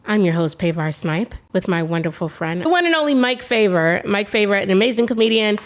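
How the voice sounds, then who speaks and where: A woman's voice: mid-range voice, lively intonation, brisk. A woman hosting a podcast, chatting and teasing her guest in a playful, jokey way. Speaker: podcast host. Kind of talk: casual podcast chat.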